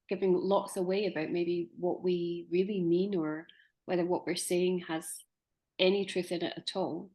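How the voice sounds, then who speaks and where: Musing woman in her forties, lowish voice. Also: warm tone. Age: 40s. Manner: musing, hesitant, posing questions. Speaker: podcast host. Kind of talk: conversational discussion.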